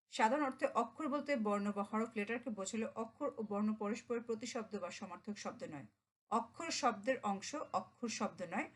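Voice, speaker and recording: A woman teaching a grammar lesson, explaining terms in a steady classroom manner. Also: a little high, low-quality recording. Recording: loud background noise.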